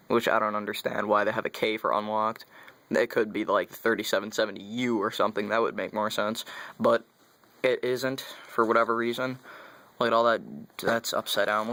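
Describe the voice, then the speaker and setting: A man's voice: lowish voice, bright, forceful tone, no echo. A young man chatting casually as he unboxes computer parts, rambling and correcting himself as he goes. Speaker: tech vlogger.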